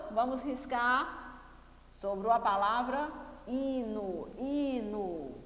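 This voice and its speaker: A woman's voice: on the high side, fairly bright tone. A woman with a Brazilian Portuguese accent, a primary school teacher giving a recorded lesson for children, patiently repeating key words and quizzing her pupils. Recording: echoey room with long reverb.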